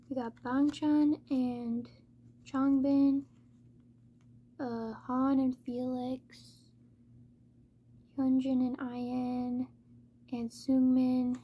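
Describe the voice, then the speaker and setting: High-pitched, monotone woman chatting casually. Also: breathy edge, muffled recording. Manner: monotone delivery with little word stress. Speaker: K-pop album unboxing host. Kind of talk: casual chat, unboxing commentary.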